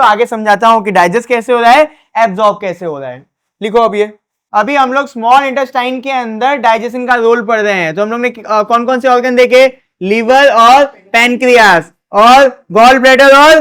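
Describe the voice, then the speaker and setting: High-voiced male teacher drilling students. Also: a bit bright, smooth. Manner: asks questions and answers them himself; repetitive, drilling. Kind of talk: board exam class lesson.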